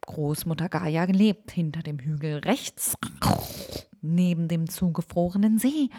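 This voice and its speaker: Woman doing a lady wild boar, storybook, relaxed, low, slow. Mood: matter-of-fact. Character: comfortable female wild boar in the undergrowth.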